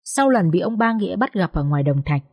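Breathy woman narrating a story. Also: fairly low pitch, fairly quick. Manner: expressive, commenting on the characters. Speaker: audiobook narrator.

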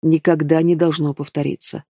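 Icy male dragon ruler, commanding, stern, read by a man, clean dry audiobook sound, slightly high voice. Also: little pitch movement, moderate pace, dark tone, no echo, natural voice. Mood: low intense.

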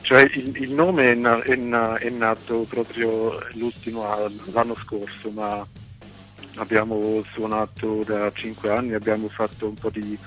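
A man from Switzerland speaking non-native Italian with a foreign accent, halting and searching for words in a radio phone interview. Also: lowish voice, little pitch movement, a bit bright. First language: not Italian. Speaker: band singer and guitarist being interviewed. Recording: phone call on radio, music behind.

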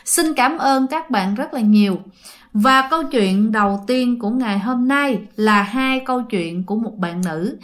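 A woman's voice: fairly high pitch, unhurried. A woman with a Southern Vietnamese accent, a channel host telling listener ghost stories in a chatty way, speaking straight to her audience. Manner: chatty, addresses listeners directly. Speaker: storyteller host. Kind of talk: ghost story narration.

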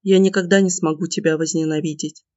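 A man reading the part of a tearful, anxious young woman student in an audiobook, in a soft pleading way. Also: fairly high pitch, fairly even intonation, brisk, no room sound, lightly acted. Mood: tender. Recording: dull lo-fi dry recording.

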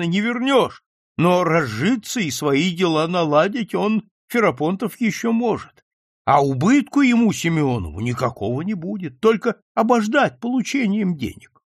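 A man narrating an audiobook in an expressive storytelling manner. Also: sits high, creaky, no echo, clean studio sound. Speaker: audiobook reader. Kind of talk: scripted narration.

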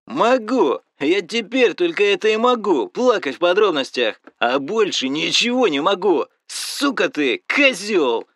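A man playing a furious friend from an audiobook, beaten up and ranting, hurling insults at the top of his voice. His pitch swings widely and the sound is dry and close. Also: sing-song, slow, hardly any pauses, a bit bright, dry recording, heavily acted. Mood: furious shouting. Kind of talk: audiobook dialogue.

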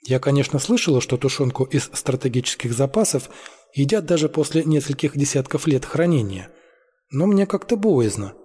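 A man voicing a sensible, wary young woman who scolds the boys, in a husky voice. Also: mid-range voice, lively intonation, moderate pace, dark tone, long reverb tail. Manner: reproachful, doubtful.

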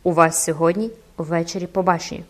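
A sinister cloaked stranger with a sepulchral, hushed voice, as a woman reader puts him on. He speaks low and coldly, with a menacing calm. This is a storybook audiobook reading. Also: a little fast, close to an everyday voice. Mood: cold, ominous. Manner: low, hushed, cold delivery. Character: brooding cloaked man, eerie phantom-like stranger.

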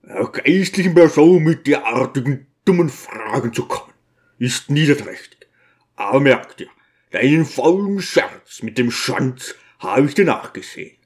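A man's voice: mid-range voice, lively intonation, a little slow, a little mellow, close to an everyday voice. Man doing a blustering, touchy deacon. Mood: indignant. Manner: blustering, indignant. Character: hot-tempered burly male deacon, boastful and touchy.

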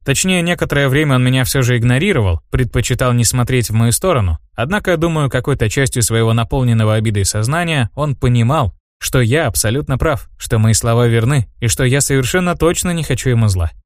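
A man reads a first-person fantasy audiobook in a steady, even storytelling voice at a middling pitch. The sound is dry and close, with no echo. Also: quick pace, hardly any pauses. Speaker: audiobook narrator.

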